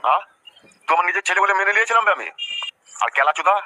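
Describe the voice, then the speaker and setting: A man's voice: high voice, expressive, sharp tone, no room sound, exaggerated voice. An actor voicing a foul-mouthed middle-aged village father-in-law who rants and curses in a comic cartoon dub. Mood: ranting. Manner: rapid cursing rant.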